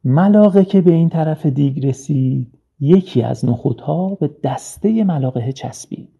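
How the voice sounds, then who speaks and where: A man narrating a children's storybook in a slow, gentle storytelling manner. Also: on the high side, animated, vocal fry, husky. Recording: dull lo-fi recording.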